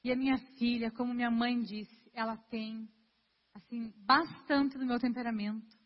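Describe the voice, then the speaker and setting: A young woman preaches in an earnest, chatty way, often speaking directly to the congregation. Her voice is high and a little husky. It comes through a dull, lo-fi recording with a long reverb from a church hall. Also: fairly even intonation, normal speed. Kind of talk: sermon.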